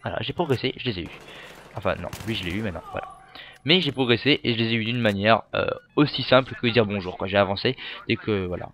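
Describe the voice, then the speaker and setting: A teenage boy giving casual, excitable gameplay commentary from his bedroom, joking and swearing freely. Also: on the low side, fast talker. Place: bedroom at home.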